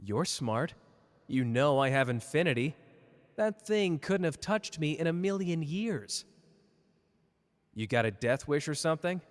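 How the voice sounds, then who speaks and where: A man's voice: on the high side, expressive, measured pace, pauses often. Man acting cocky, flirty Gojo in long reverb. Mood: annoyed, defensive. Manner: teasing, casual, boastful. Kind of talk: ASMR character roleplay addressed to listener.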